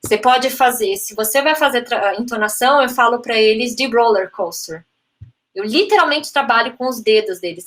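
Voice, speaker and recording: Brazilian woman teacher, bright higher voice, chatty live talk answering chat questions, peppers speech with tag questions and English terms. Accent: Brazilian Portuguese. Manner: chatty, frequent "né?" tags, mixes in English terms. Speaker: English and Spanish teacher, phonetics lecturer.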